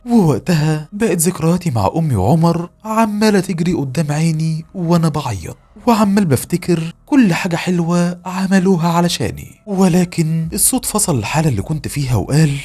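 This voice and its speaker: A man with an Egyptian Arabic accent tells a first-person horror tale in a tense, dramatic, emotional way. His pitch swoops widely, and his voice has a slightly husky edge. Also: a little mellow. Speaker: storyteller.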